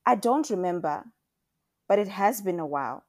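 A woman reading the part of a frightened but defiant teenage girl, loud and distressed. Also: mid-range voice, expressive, normal speed, no echo, clean studio sound. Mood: hesitant.

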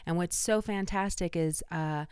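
An enthusiastic woman with a fairly low, smooth voice and a slight cold gives a casual astrology talk. She is chatty and informal, and the sound is dry and close, with very little room. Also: measured pace, darkish tone, dry recording. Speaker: astrologer giving a forecast.

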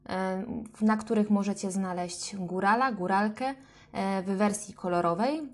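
A woman speech therapist calmly explaining language games for parents to play with their children, with short fillers between phrases. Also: mid-range voice. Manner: calm, clear explaining with fillers. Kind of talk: instructional talk to parents.

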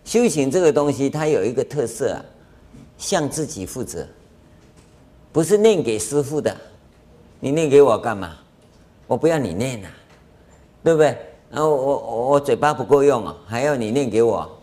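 A man's voice: mid-range voice, moderate pace, pauses often. A man with a Taiwanese Mandarin accent giving a Buddhist dharma lecture as a master, telling anecdotes and acting out dialogue with chuckles. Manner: animated storytelling, acts out dialogue, chuckles. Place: lecture hall.

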